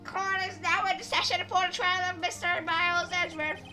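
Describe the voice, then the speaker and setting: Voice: very high voice, flat delivery, moderate pace, bright, forceful tone, faint music behind, pitched above the performer's own voice, heavily acted. A player voicing a timid old male judge who speaks hesitantly and gives in easily. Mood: formal. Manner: meek, hesitant.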